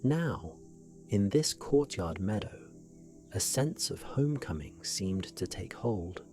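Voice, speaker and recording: A man reads a bedtime sleep story in a soothing, hushed voice. His pitch sits fairly low and he takes his time, very slowly, with gentle unhurried phrasing. Faint music plays behind him. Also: very animated. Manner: gentle, hushed, unhurried guided-relaxation delivery.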